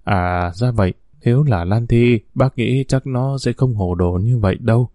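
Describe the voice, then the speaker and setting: A man reading a storybook as a calm, level-headed older mother who speaks in a measured way. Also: mid-range voice, no echo, clean studio sound, natural voice. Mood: soothing.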